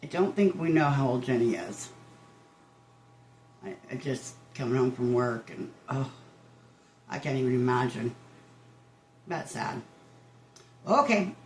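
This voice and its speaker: A woman's voice: a bass voice, animated, unhurried, long pauses, slight background noise. An older woman giving a casual reaction commentary, rambling and interrupting herself like a chatty old woman. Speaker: reaction video host. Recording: roomy echo, guitar music behind.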